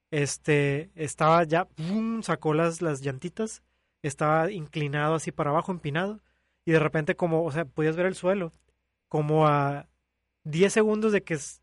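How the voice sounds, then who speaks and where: A young man with a Mexican accent telling an animated, laugh-filled story in casual podcast chat. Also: a little high, moderate pace, no room sound, studio quality. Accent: Mexican Spanish. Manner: animated storytelling, laughs often, acts out voices. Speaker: podcast co-host. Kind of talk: casual chat among friends.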